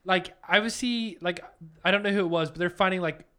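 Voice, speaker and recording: A man talks a little fast in a high, smooth voice that sounds pushed and bright. Alongside his partner on their casual podcast, he rambles and cracks self-deprecating jokes.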